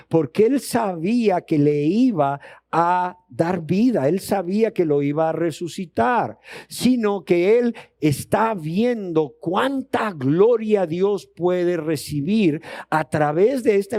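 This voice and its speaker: A Bible teacher with a Colombian Spanish accent gives a sermon emphatically, throwing rising questions at the audience and acting out dialogue. His voice is high and mellow, with no room sound.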